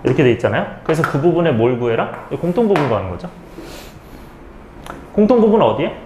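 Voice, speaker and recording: A man's voice: on the high side, sing-song, fast talker, roomy sound, background noise. A male math teacher giving a step-by-step lecture, asking questions and answering them himself, often checking in with students. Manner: keeps checking in with students, "okay?".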